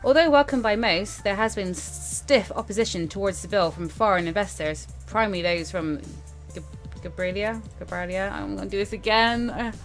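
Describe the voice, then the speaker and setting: A woman hosts a relaxed let's-play, reading the game's text aloud, tossing in casual asides and tripping over some of the words. Her mid-range voice keeps a moderate pace, with music playing behind it.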